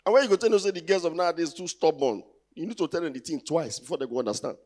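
He talks very fast in a fairly high, darkish voice. A Nigerian-accented man in his thirties, he performs teasing stand-up in a large indoor theatre, firing rhetorical questions at the crowd through a handheld stage microphone.

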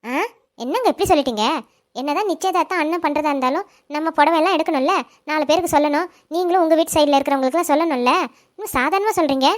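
A woman's voice: sits high, fast, no room sound, clean studio sound, lightly acted. A woman voicing a worried, fretful middle-aged mother in a cartoon family drama. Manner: fretful, complaining.

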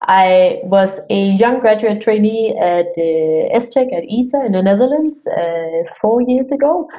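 Online from a room at home, a young Danish PhD student gives a presentation, sounding friendly but tired and peppering her talk with fillers and restarts. Her mid-range voice is warm and a little slow.

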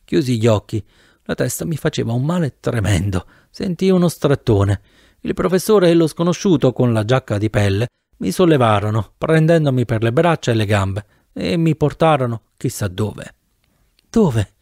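Lively, expressive male audiobook narrator. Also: mid-range voice, normal speed, vocal fry, dry recording, clean studio sound. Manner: animated, theatrical first-person reading.

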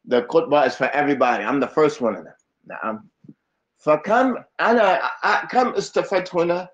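Brief: male mosque teacher, high and animated, joking lesson, echoey hall. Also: measured pace, lo-fi sound. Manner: playful, mixing Arabic and English, laughing asides.

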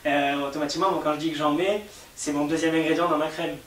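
A man's voice: on the high side, fairly even intonation, quick pace. A man with a French accent explaining cosmetic ingredients in an interview, patient and step by step, with many fillers. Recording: echoey room, mic at a distance, faint hiss.

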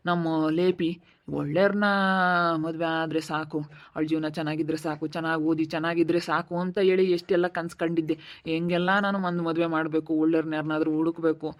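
A woman's voice: fairly low pitch, close to an everyday voice. A woman playing an angry, stern middle-aged village father who scolds and insults. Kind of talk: village family drama acting.

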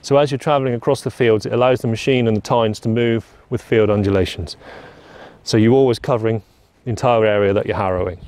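A man's voice: on the low side, fairly even intonation, fast, darkish tone, clear, resonant tone, dry recording. A young man giving a plain, practical walkaround of a farm machine outdoors on a lawn, often repeating "very, very". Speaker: product presenter. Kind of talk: product walkaround demo.

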